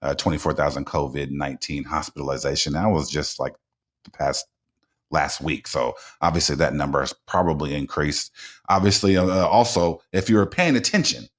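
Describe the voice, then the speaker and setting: A man's voice: very deep voice, normal speed. A man hosting a casual talk radio show, blunt and informal, rambling with frequent restarts and repeated words.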